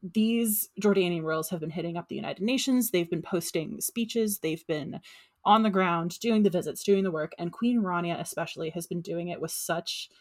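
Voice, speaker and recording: Thoughtful woman podcast co-host, lowish voice. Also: a little mellow. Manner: measured and thoughtful, with fillers like um. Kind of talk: casual chat.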